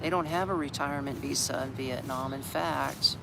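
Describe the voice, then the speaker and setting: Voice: medium pitch, steady tone, moderate pace, vocal fry. An older American from Florida chatting casually on a live stream, rambling and reading out viewer comments. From USA (Orlando, Florida). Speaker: livestream vlogger. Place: open shed in a city park, outdoors. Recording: outdoor street traffic noise. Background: street traffic.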